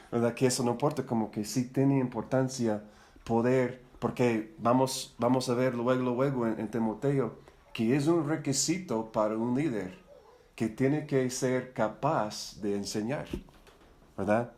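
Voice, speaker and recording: Here a middle-aged man speaks with a medium-pitched, slightly mellow voice in Spanish, which isn't his native language. His Bible study for church leaders is casual and conversational: he rambles, chats, repeats words, and keeps asking whether they agree.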